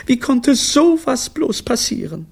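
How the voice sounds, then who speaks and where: A man voicing a flustered, scolding mother of four in a shrill voice. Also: big pitch swings, moderate pace, heavily acted. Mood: dismayed.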